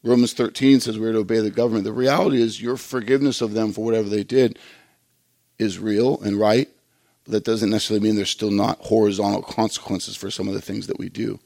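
A man's voice: lowish voice, fairly even intonation, quick pace, creaky, a little mellow, dry recording. A man preaching a sermon in an earnest, conversational way, often repeating words as he goes. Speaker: pastor.

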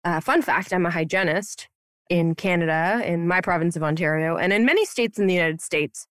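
This is casual, playful podcast talk from a Romanian dental hygienist in her thirties who owns her practice, speaking from her upstairs office there with plenty of slang and "like." Her pitch is fairly low and her pace a little fast, with studio quality and no room sound.

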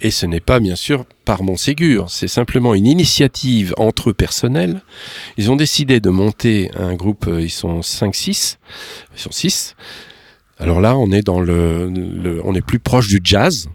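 Man, Parisian French accent, gravelly fry, close dry sound, halting effusive interview talk. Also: on the low side, lively intonation, no room sound. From Burgundy, France. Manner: effusive, digressive, halting delivery with repeated words. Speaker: concert organiser, interview guest. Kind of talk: conversational radio-style interview.

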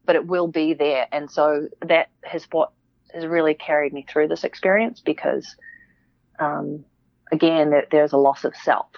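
A woman speaks in a low voice, reflective and unhurried, circling back through restarts and fillers. She is a guest on a casual interview podcast. The sound is dry and somewhat dull, like a lo-fi remote recording. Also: fairly even intonation, creaky, no room sound.

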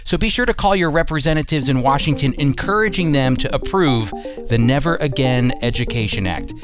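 An American man hosts a radio Bible teaching program, explaining earnestly and emphatically in a prepared teaching talk with scripted segments. His medium-pitched voice is animated and brisk, with music playing in the background.

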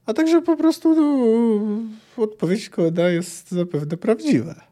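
A man's voice: sits high, takes it slowly, mellow. A man hosting a book review podcast, commenting thoughtfully with frequent hesitant fillers.

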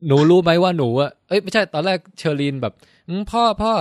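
A man chatting casually about a TV series, retelling scenes in an animated way. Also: a little high, fast talker, no room sound, studio quality. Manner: animated storyteller, acts out lines. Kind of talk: casual chat reviewing a TV series.

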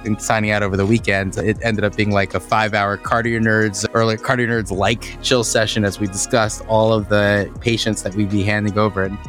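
A man's voice: fairly low pitch, level tone, a little fast, few pauses, fairly bright tone, soft background music. A man co-hosting a medical podcast, chatting enthusiastically. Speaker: podcast co-host. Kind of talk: casual chat.

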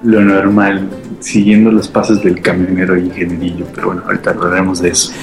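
A man's voice: sits low, monotone, fast talker. A man with a Mexican accent in casual podcast conversation. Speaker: podcast panelist. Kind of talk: casual chat. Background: clear background music.

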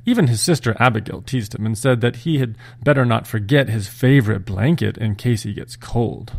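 A man hosting and gently reading a scripted story aloud at a measured pace. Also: mid-range voice, gravelly, no room sound, studio quality. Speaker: storyteller and podcast host.

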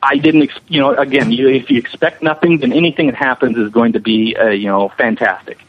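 A visual effects animator being interviewed speaks a little fast in a medium-pitched voice. He's casual and enthusiastic, chatting through anecdotes. The recording has a muffled, band-limited quality like radio.

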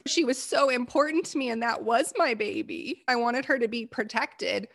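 An American woman in her forties, an interview guest telling a personal story in an animated way and acting out the voices she quotes. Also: a little high, normal speed. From United States.

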